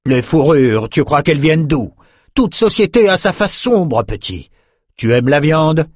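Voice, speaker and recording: A man doing a stern, gruff old father. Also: a little high, sing-song, measured pace, no room sound, clean studio sound, voice pushed up. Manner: scolding, insistent. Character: gruff older male father, stern, demanding.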